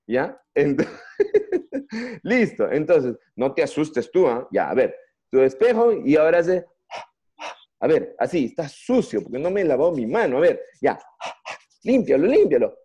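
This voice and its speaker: A man's voice: fairly high pitch, measured pace, slightly rough. A man with a Peruvian Spanish accent teaching an online English class to young students. He keeps asking questions, coaxes the kids to join in, and jokes around to keep them engaged. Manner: lively, coaxing, playful, asks many questions. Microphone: computer mic on a video call. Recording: slightly dull lo-fi call audio.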